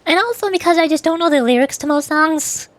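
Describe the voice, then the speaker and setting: On a casual livestream, a streamer who does amateur voice acting rambles about the craft, repeating and correcting herself along the way. She speaks a little fast in a high voice, with no echo.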